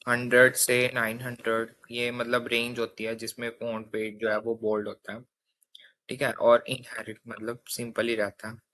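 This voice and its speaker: A young man delivers a casual coding lesson in a monotone, sharp mid-range voice at a moderate pace. Step by step he explains the material, regularly checking in with "theek hai."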